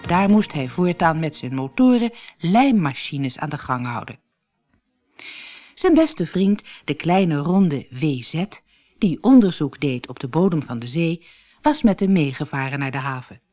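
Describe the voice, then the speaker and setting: A woman narrating a children's storybook in an expressive storytelling manner. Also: deep voice, a little slow.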